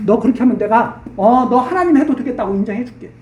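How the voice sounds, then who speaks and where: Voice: mid-range voice, animated, quick pace, a little mellow, distant mic, lo-fi sound. A preacher giving an expository Bible sermon, explaining each verse in plain, casual speech and often repeating phrases.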